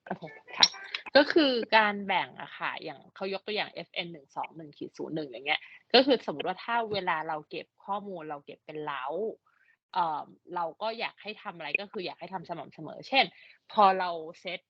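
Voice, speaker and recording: A woman's voice: low voice, breathy edge, no room sound. A woman whose first language is Thai, interpreting and checking points on a video call. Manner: rapid restating and checking of points. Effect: video call audio. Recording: dry, dull lo-fi call audio.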